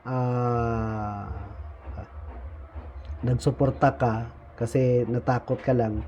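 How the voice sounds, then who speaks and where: Halting man with a dull lo-fi sound. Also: medium pitch, mellow. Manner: frequent "no?" tag questions, halting with fillers. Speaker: speaker explaining insurgent recruitment levels. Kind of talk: informal explanatory talk. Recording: dull lo-fi recording with faint noise.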